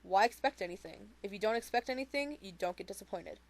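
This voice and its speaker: A woman's voice: mid-range voice, animated, quick pace, gravelly. A woman reading the lines of a wisecracking teenage girl in treatment who jokes and rambles with restarts. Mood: wry.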